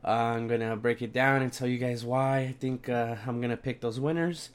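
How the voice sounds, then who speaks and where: A man's voice: medium pitch, steady tone, normal speed, smooth. A young man talking sports on a solo podcast in a brash, slangy, sweary frat-bro manner, sounding sick and tired.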